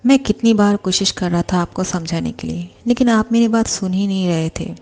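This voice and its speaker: A woman's voice: mid-range voice, fairly quick, a little mellow, close to an everyday voice. A woman voicing a young male secretary who reproaches his boss for not listening to him, read in a plain storytelling voice. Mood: hurt. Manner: reproachful, complaining.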